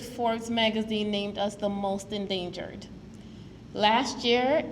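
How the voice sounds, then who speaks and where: A woman from Guyana gives an earnest, storytelling public talk to an audience as a preservation advocate at a museum. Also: medium pitch. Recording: long hall reverb, faint noise.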